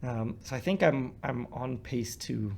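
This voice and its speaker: A man's voice: mid-range voice, unhurried, vocal fry, a little mellow, a little hiss or hum. A man giving casual commentary while playing a card game, thinking aloud with many ums and restarts. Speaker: co-host discussing a card game.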